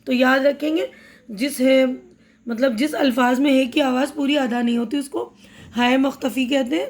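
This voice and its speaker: A woman's voice: sits high, steady tone. A woman teacher with an Indian Urdu accent explaining a textbook chapter, patiently repeating words for her pupils and slipping in English terms.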